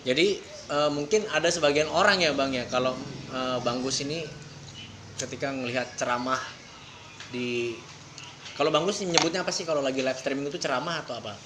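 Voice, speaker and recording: A man's voice: mid-range voice, brisk, background noise. A man hosting a casual interview, asking rambling questions full of fillers. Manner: chatty, hesitant questions with many fillers. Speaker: podcast host.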